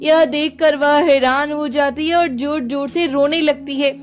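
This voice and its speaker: A woman's voice: sits high, fairly even intonation, unhurried, soft background music. A woman narrating a cartoon story in plain storytelling manner.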